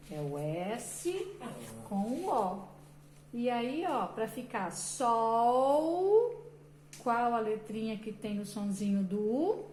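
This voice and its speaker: Slow patient woman teaching letters. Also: fairly high pitch, a little mellow. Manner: slow, patient, sounding out syllables. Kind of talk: children's literacy lesson. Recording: echoey room with faint background noise.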